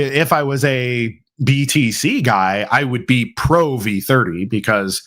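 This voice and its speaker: A man's voice: fairly low pitch, a bit bright. A man hosting a live question-and-answer stream, talking casually with lots of fillers and restarts. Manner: casual, filler-heavy, mock-quotes opponents. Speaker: host. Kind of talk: livestreamed Q&A.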